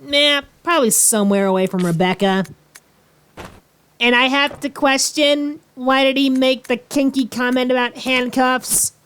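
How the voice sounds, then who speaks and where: A woman's voice: sits high, measured pace, a bit bright, smooth. A woman giving casual, dryly teasing banter as co-commentator on a video game playthrough. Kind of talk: casual let's-play banter.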